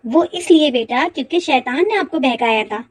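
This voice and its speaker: Gentle pious mother, played by a woman, patient and instructive, high-pitched, dry close recording. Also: animated, moderate pace, breathy edge, no echo. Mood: gently teaching. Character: gentle, pious mother calling her son to prayer. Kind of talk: children's moral short film acting.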